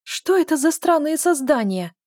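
A naive, wide-eyed young princess with a squeaky, excitable voice pitched high, as a woman reads her. The reading is dry and close, like a storybook in a dead room. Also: normal speed, no echo. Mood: squealing.

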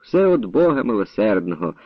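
A man voicing a sleepy, gentle young village lad who talks in a mild, drowsy way. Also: on the low side, sing-song, fairly quick, slightly rough, no room sound, heavily acted. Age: young adult. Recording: dull, dry recording.

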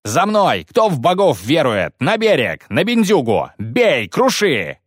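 A man's voice: fairly high pitch, animated, moderate pace, no room sound, clean studio sound, pitched above the performer's own voice, lightly acted. A man voicing a grim, battle-hardened male commander who bellows orders and curses. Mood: roaring.

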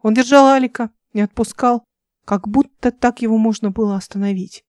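A woman reads an audiobook in a calm, even storytelling manner. Her voice is mellow and dark. The sound is dry and close. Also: fairly high pitch, a little fast, dry recording. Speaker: audiobook narrator. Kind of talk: audiobook narration.

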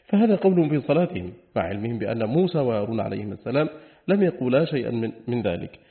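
Fast-reading man, tinny phone-like sound. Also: mid-range voice, vocal fry. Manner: steady, formal reading voice. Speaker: audiobook reader. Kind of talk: formal reading of a classical book.

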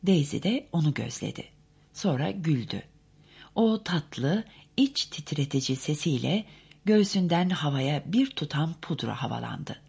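A woman narrating a novel as an audiobook, measured and expressive. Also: deep voice, gravelly, husky.

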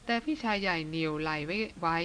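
A woman narrating an adventure novel as an audiobook in a steady storytelling voice. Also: deep voice, fast talker, slight background noise, rough recording. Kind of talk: scripted narration.

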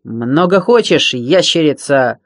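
A man's voice: medium pitch, takes it slowly, creaky, no echo, clean studio sound. A man doing a gloating boy gunner. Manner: shouting, gleeful taunts.

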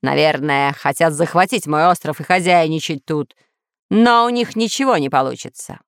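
Woman playing a pompous mad scientist villain, low voice, slow threatening delivery, smooth and dry. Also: dry recording. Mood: boastful. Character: boastful villainous male dinosaur master, mad scientist. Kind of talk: storybook narration.

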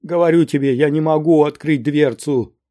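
A man's voice: normal speed, dark tone, lightly acted. A man reading an audiobook, voicing a fat, hysterical male safecracker who whines and sobs in despair. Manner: whining, sobbing, shrill.

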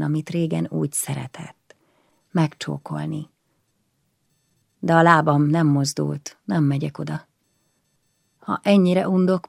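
A woman reading a novel aloud in the first person, quiet and introspective. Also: low voice, gravelly, dry recording, studio quality. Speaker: audiobook narrator.

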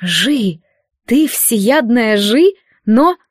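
A young priestess, earnest and puzzled, as a woman reader plays her, her voice bright and fairly high but plain. The questions come out searching and sincere. The recording is dry and close. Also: lively intonation, very slow, dry recording, heavily acted. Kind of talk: audiobook character voice.

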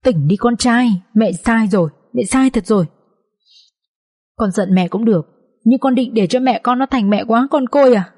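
A woman voicing a grieving older mother who sobs and begs at her son's hospital bed, her voice high and strained. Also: moderate pace, darkish tone, slightly rough. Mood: grieving, pleading. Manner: sobbing, begging, high and strained.

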